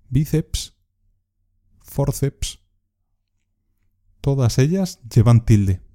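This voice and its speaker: A man reads a pronunciation lesson in measured, deliberate phrases, leaving pauses for repetition. His voice is deep and mellow in tone, and he speaks very slowly. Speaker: Spanish teacher. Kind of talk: slow scripted pronunciation lesson.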